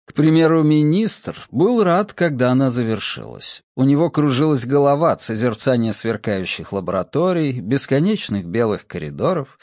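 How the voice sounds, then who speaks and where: A man narrating an audiobook in a measured, expressive reading. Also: medium pitch, no echo, clean studio sound. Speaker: audiobook reader. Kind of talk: scripted narration.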